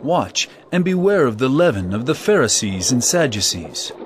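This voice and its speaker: A man's voice: medium pitch, big pitch swings, normal speed, a little hiss or hum, lightly acted. Jesus, a man voicing a solemn commanding teacher. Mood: stern. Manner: solemn, earnest declaiming. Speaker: actor. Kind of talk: audio drama acting. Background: guitar music.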